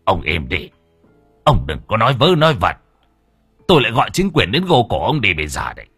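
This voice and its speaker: A man's voice: very deep voice, animated, a little slow, fairly bright tone, husky, dry recording, soft background music, full character voice. A man reading an audio story and voicing a stern male servant who curtly orders a visitor away. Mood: threatening. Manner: curt, firm, threatening.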